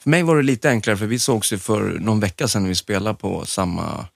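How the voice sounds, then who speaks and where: A man's voice: on the low side, lively intonation, creaky, no echo, clean studio sound. A man with a Stockholm accent chatting casually as a podcast co-host. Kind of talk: casual chat.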